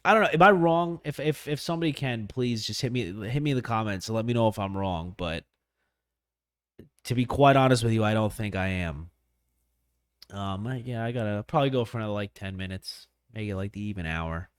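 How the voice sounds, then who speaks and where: A man's voice: lowish voice, animated, brisk, clear, resonant tone, no room sound. A man hosting a casual solo sports podcast, rambling with lots of fillers and restarts, sniffly from allergies, close on a microphone. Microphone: close studio microphone.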